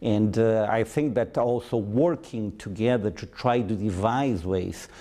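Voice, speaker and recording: A man from Brazil with a Brazilian accent and Portuguese as his first language, giving formal, measured diplomatic interview answers with frequent hesitant pauses. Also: fairly low pitch, mellow. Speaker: ambassador, interview guest.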